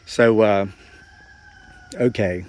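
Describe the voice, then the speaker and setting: A forty-four-year-old man, a homesteading vlogger, speaks to his viewers in a fairly low, darkish voice with fairly even intonation and drawn-out words. His casual, reflective storytelling is folksy, earnest and rambling.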